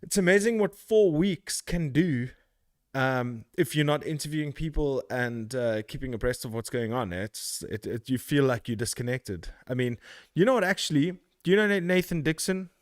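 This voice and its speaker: A man hosts a casual podcast in an easy, rambling way, laughing often and dropping the odd swear word. His voice sits in a middle pitch, recorded close and dry with no room sound. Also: animated, moderate pace, no echo. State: out of breath. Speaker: podcast host. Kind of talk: casual chat.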